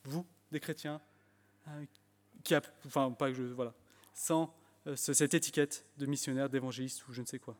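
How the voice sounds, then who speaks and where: Here a man of medium pitch preaches in French with an English accent, keeping a moderate pace and fairly even intonation. He occasionally becomes emphatic and restarts phrases with fillers. Long church hall reverb colors the sound.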